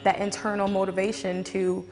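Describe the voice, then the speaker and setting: Gravelly, matter-of-fact staff woman. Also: medium pitch, flat delivery, normal speed. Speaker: program staff. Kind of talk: documentary interview. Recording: reverberant room. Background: soft guitar music.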